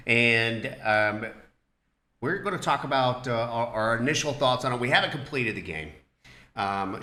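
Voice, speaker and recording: A man's voice: mid-range voice, pushed and bright. A man hosting a casual game review chat, rambling with many fillers and restarts. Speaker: channel host. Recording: echoey room with music underneath.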